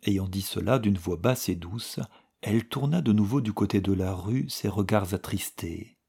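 Male audiobook narrator, husky and gravelly, measured delivery. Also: lowish voice, dark tone. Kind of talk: scripted narration.

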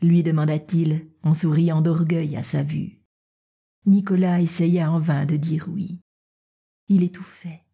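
Soft, breathy woman narrator. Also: low-pitched, flat delivery, measured pace. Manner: soft, often half-whispered reading. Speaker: audiobook narrator. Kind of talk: scripted narration.

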